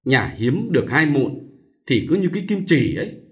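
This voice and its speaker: A man's voice: a little high, very animated, normal speed, voice pushed up. A man voicing a fretful, doting elderly mother who fusses and complains. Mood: fussing. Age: older. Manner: fussing, complaining.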